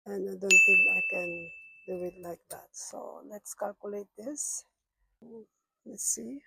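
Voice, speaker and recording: Speaking slowly with vocal fry and a pushed, bright quality, a sick middle-aged woman with a rough medium-pitched voice murmurs through her budget, counting cash aloud half to herself in a casual vlog. The audio is poor.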